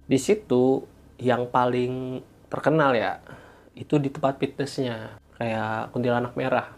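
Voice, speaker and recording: Animated man telling ghost stories. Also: medium pitch, a little slow. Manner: animated, acts out sounds with small noises. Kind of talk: casual storytelling chat.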